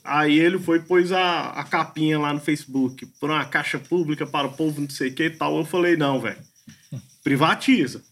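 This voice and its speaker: A man co-hosts a casual podcast and tells his story bluntly, full of slang. His voice sits a little higher than most men's. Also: fairly even intonation, brisk, few pauses, a bit bright.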